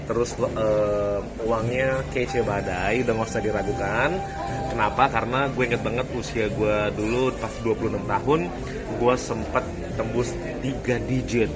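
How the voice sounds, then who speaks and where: Breezy slangy man over loud music. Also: lowish voice, a little slow. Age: 30s. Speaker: insurance agent. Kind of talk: casual recruiting testimonial.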